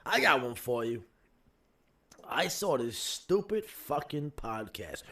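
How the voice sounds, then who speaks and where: A man hosting a laid-back podcast, thinking out loud in a rambling, speculative way. He swears casually and his voice is a bit rough from smoking. The recording is dry and close. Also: medium pitch, very animated, slow pace, no room sound. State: coughing from smoking. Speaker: podcast host. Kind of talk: casual chat.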